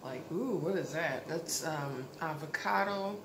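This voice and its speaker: This vlogger, a woman in her thirties, talks to her camera at home with a deep voice and a measured pace. It's a casual, rambling chat packed with fillers and false starts. Recorded close on the camera in her living room, the audio carries a roomy echo and noticeable background noise.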